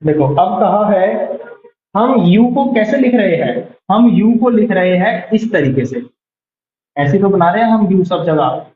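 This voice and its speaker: High-voiced man teaching shorthand. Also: expressive. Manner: patient, repeats words slowly, asks class for doubts. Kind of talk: classroom lesson. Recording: roomy, dull lo-fi sound.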